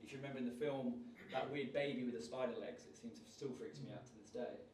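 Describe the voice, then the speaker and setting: A man, leading a lively public speaking workshop and raising and dropping his energy on purpose. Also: mid-range voice, quick pace, slight background noise. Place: large room at a live workshop. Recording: roomy sound, voice from far off.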